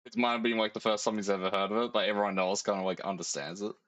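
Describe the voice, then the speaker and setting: A man with a very low voice hosts a casual podcast. He recaps in a laid-back way and agrees readily with his co-host. The recording is dry and close. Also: steady tone, racing, fairly bright tone, no room sound, dull audio. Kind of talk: casual chat.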